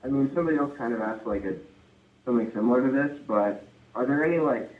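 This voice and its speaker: A man's voice: medium pitch, fast talker. A young man, a course participant, asking a hesitant question full of "like" fillers. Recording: tinny phone-like call line.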